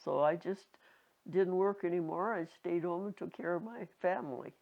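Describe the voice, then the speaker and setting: A very old woman in her nineties reminiscing casually, halting and rambling, with a creaky aged voice. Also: on the low side. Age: 90s. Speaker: interviewee. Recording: dull lo-fi home recording.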